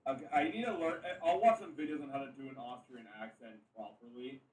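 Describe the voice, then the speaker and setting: A man's voice: mid-range voice, quick pace, a little mellow, reverberant, recorded from a distance, rough recording. A man playing in a casual tabletop game, chatting about his character in an easygoing way and laughing often. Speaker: player.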